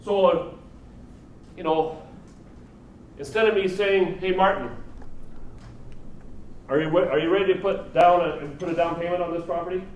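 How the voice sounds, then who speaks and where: An unhurried trainer with a high, fairly even voice runs a casual live seminar on negotiation and NLP, letting long pauses fall between rhetorical questions to his audience. The audio is dull and roomy, picked up by a distant mic with faint noise.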